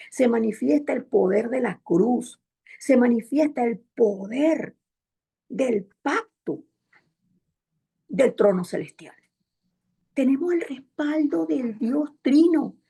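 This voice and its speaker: A woman preaching a Sunday sermon in a church, her voice set a little high for a woman and carrying a gravelly, husky edge. Her tone is mellow rather than bright. She builds her points through emphatic repetition and keeps calling on the brethren. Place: church in Montreal.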